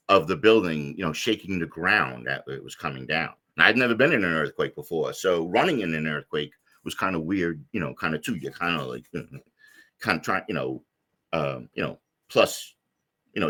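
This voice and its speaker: A middle-aged man from the United States telling a personal story as an interview guest, rambling with many fillers and restarts in a deep voice. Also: sharp tone. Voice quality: deep low voice.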